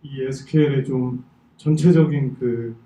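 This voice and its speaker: A young man presents technical material in a very dark, muted voice. His articulation is a little impaired, as if numb from the dentist, and he often stops to hunt for words. The recording is echoey and distant from the microphone. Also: medium pitch, steady tone. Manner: slightly impaired articulation after wisdom tooth extraction; halting, searching for words. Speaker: conference presenter. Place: indoor talk venue.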